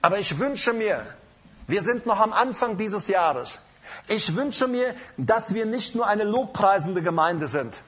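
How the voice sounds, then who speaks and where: A man's voice: high voice, animated, measured pace, fairly bright tone, husky. A man preaching an emphatic sermon with an altar call in a church, calling out to the congregation. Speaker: pastor. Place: church hall.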